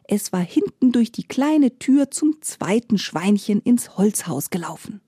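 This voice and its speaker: Woman reading a fairy tale, slow, mellow husky voice, dry close sound. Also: medium pitch, no room sound. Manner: slow, gentle, expressive telling. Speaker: storyteller.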